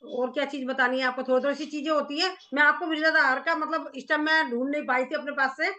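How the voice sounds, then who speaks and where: A woman with a high, bright, forceful voice co-hosts an online group call. She lays out advice one point at a time and checks in with her listeners with a quick "okay?" as she goes. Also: steady tone. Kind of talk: instructive group call talk.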